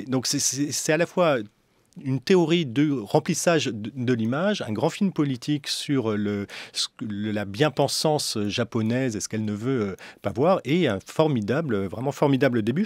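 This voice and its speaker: A middle-aged man speaks as a film critic on a studio radio panel, fluent and eager, often pausing on fillers. His voice sits in a mid register. The sound is close and dry, with no room echo. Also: mid-range voice, a little mellow. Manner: fluent and enthusiastic, with many filler hesitations. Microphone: studio microphone with headphones.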